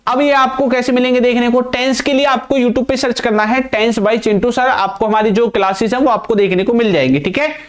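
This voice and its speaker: A man's voice: very high voice, moderate pace, hardly any pauses. A young man teaching an English grammar lesson, quizzing the viewer with repeated questions and answering them himself, speaking English words. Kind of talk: classroom-style grammar lesson.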